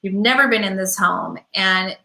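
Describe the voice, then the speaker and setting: A woman's voice: mid-range voice, moderate pace, pushed and bright. A woman hosting a show as a pet healer, chatting casually to viewers and rambling through stories with quoted asides. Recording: echoey room.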